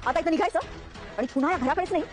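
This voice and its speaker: A woman's voice: very high voice, racing. An actress playing a stern woman coldly ordering a rival out of the house in a TV serial. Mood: contemptuous. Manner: cold, commanding. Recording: TV clip with loud music.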